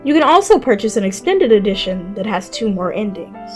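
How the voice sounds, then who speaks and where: Background music plays behind a woman narrating a scripted top-five video game review. Her mid-range voice swings widely in pitch and moves fairly quickly, with a conversational feel and offhand asides.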